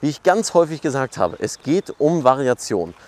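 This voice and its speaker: A man's voice: mid-range voice, big pitch swings, normal speed. A man hosting a podcast, talking in a loose, rambling monologue with many fillers. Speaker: podcast host. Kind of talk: casual monologue.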